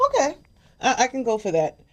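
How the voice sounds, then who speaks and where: A woman's voice: fairly high pitch, wildly swooping pitch, fairly quick, fairly bright tone. An older woman hosting a casual chat, chatty, sometimes reading package text aloud. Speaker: host.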